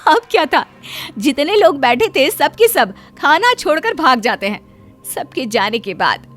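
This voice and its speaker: A woman narrating a cartoon story in a lively storytelling manner. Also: high-pitched, unhurried, soft background music.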